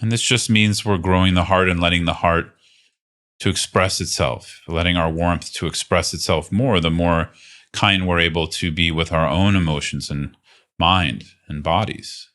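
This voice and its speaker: A man with a deep voice and steady tone teaches a guided meditation, speaking softly and slowly with lengthy pauses.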